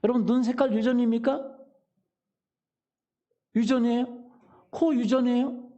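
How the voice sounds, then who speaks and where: A man's voice: very high-pitched, steady tone, normal speed, warm tone. A middle-aged man preaching a sermon as pastor, telling humorous stories and asking the congregation questions. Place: church sanctuary.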